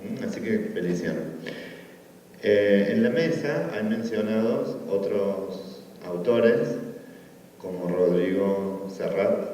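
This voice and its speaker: A man from Argentina with a Córdoba accent giving a relaxed conference talk, full of fillers and tag questions. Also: sits low. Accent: Argentine Spanish, Córdoba. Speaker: academic conference speaker. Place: conference room. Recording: distant, echoey hall, dull sound.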